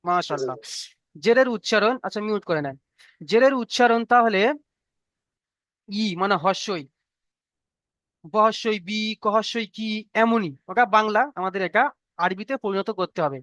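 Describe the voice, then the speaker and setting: An online teacher shows students how to read Arabic letters for the Quran, using a smooth, resonant, mid-range voice with a fairly bright tone, recorded close and dry with no echo. Rules come slowly and are repeated over and over, with frequent "okay?" checks to keep everyone following.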